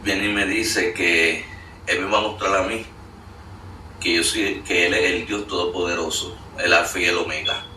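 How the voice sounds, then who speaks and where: A man with a deep, steady voice, pushed and bright, speaks at a moderate pace as a guest sharing an earnest spoken testimony. His storytelling is full of fillers, with soft background music, an echoey room, a distant mic, and faint noise.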